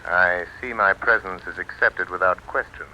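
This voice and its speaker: An actor playing an unseen, mocking avenger in an old-time radio drama, speaking deliberately and theatrically. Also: male voice, sits low, pushed and bright, dull audio, slight background noise. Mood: menacing, taunting. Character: the Shadow, unseen avenging man, commanding, mocking, menacing.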